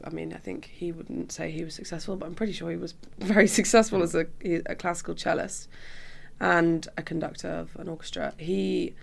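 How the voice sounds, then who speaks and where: A woman's voice: fairly low pitch, fairly even intonation, brisk, gravelly. A young woman from Cumbria with a British accent, chatting casually and informally as an interview guest. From Cumbria, England. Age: young adult. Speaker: musician guest.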